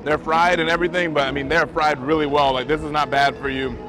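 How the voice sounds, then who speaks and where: A man's voice: a little high, little pitch movement, fast talker, low-quality recording. A man reviewing festival food in a casual vlog, chatty and candid, talking with his mouth full. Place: outdoor festival grounds. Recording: music in the background.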